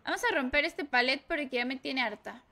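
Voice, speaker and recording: A woman with a Mexican accent streaming a game live, excitable and swearing as she reacts to the play. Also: high-pitched, a little fast, slight background noise. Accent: Mexican Spanish. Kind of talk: live gameplay commentary.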